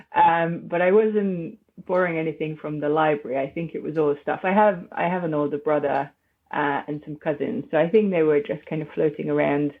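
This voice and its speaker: Hesitant woman on a tinny line. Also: low voice. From Hungary. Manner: hesitant, many restarts and fillers, thoughtful. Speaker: podcast guest. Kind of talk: conversational interview. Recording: tinny phone-like remote line.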